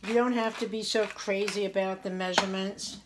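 A home cooking show host in her forties gives a casual demonstration of a recipe indoors in her own kitchen, chatty and homey, tasting and praising as she cooks. She speaks fairly quickly in a steady, mid-range voice. The counter camera at arm's length catches a noisy background with faint clatter of dishes and utensils.

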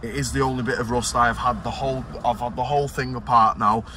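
A British man talks fast with a steady, sharp, medium-pitched voice, giving casual, explanatory commentary as a car restoration vlogger. He's filmed in a car, out on a street and at a computer. The handheld recording is noisy, with vehicle sounds around him.

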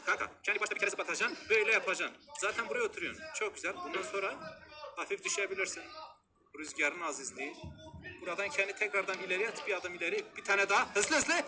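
A man with a regional Turkish dialect, commenting as he plays a frustrating climbing game, swearing, yelling and laughing. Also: high-pitched, fast. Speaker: gamer streamer. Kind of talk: gaming commentary. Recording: loud game music behind.

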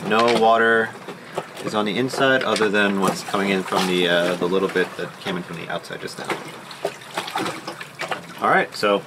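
A man in his thirties talking casually to the camera as a sailing vlogger, relaxed and chatty with small laughs, recorded aboard a small boat. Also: on the low side, normal speed, pauses often, heavy background noise. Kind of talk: casual vlog narration. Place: small boat cabin and deck.

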